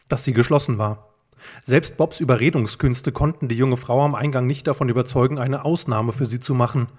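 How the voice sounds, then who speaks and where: A man narrating a fan-made detective story as an audiobook reading, steady and plain. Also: mid-range voice, husky.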